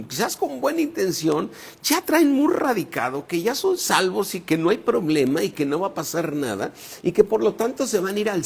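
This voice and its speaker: Gravelly, husky male pastor preaching. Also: sits high. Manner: preaches and reads scripture aloud, stressing key words. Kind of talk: sermon.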